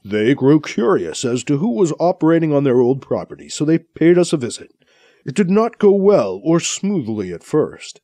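A man voicing a calm male scientist who explains things in a measured, storytelling way, in an audiobook. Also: on the high side, dry recording, voice pushed up.

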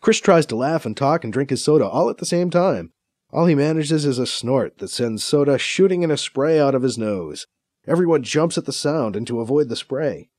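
A man reading audiobook narration in a low, even manner. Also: normal speed, no echo, studio quality. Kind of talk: scripted narration.

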